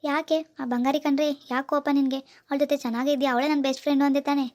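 Woman playing a heartbroken poor young village man, cartoon voice, high and monotone, hurried pleading. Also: natural voice. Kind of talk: cartoon dialogue voice acting.

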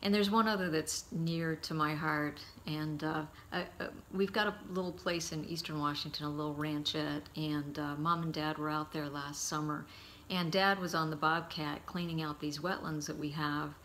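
A middle-aged man giving a heartfelt eulogy, telling stories about his father in a halting, storytelling way. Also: a little high, fairly even intonation, slight background noise. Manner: warm, halting anecdotes with frequent pauses.

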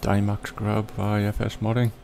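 A man giving relaxed, rambling commentary over a farming game, with lots of ums. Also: fairly low pitch, moderate pace, creaky, a little hiss or hum. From Britain. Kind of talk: casual gameplay commentary.

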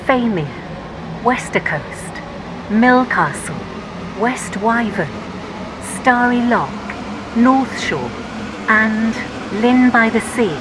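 A woman's automated onboard train announcement, made of spliced-together recorded words that jump abruptly in pitch and loudness. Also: extremely slow. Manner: lively pitch with abrupt jumps between clips. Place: train carriage in a video game. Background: train noise and air conditioning.

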